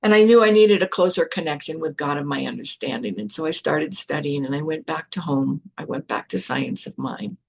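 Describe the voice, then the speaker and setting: A woman's voice: sits low, expressive, a little fast, creaky, few pauses, darkish tone. An older woman hosting a spiritual podcast, telling her own story in a frank, blunt way with some swearing. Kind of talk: candid personal storytelling.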